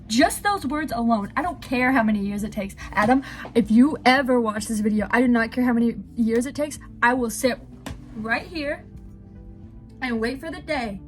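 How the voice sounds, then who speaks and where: A woman in her twenties giving excited, rambling reaction commentary as a gushing fan, often giggling. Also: a little high, normal speed, faint music behind. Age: 20s. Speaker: YouTube reactor.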